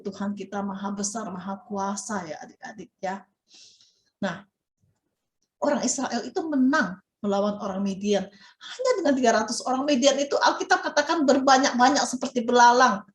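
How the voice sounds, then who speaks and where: A woman teaching Sunday school, telling a Bible story to children in an animated way and asking them questions. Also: fairly high pitch, normal speed, echoey room. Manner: animated, asks children questions, dramatic exclamations.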